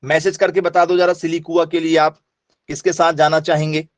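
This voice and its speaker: A man's voice: a little high, level tone, moderate pace, no echo. A male teacher giving an online exam-prep lesson, addressing students directly, repeating points and answering his own questions.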